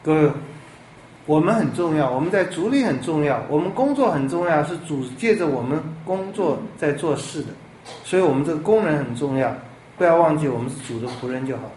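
Guy preaching, kinda high voice, lots of "right?" asides, echoey room. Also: fairly quick, a little hiss or hum. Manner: animated, rhetorical questions, lively swings in loudness. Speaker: pastor. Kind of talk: sermon. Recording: echoey room with faint ambience.

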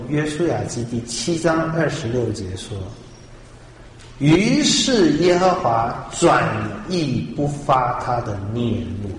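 A man's voice: a little high, slight background noise. A man preaching a sermon with emphasis, putting rhetorical questions to his listeners. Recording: echoey hall with long reverb.

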